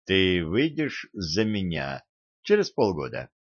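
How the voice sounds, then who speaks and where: A man reading a smooth-talking young man who lies to win women over, eager and persuasive, in a storybook narration. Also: low-pitched, big pitch swings, slow, no room sound, muffled recording, heavily acted.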